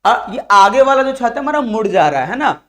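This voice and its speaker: A man's voice: very high-pitched, very animated, normal speed, a bit bright. A man teaching Hindi grammar for an exam, drilling students by asking each question again and again and then answering it himself. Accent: Bihari Hindi. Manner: addresses viewers as dear children. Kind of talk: exam-prep lesson.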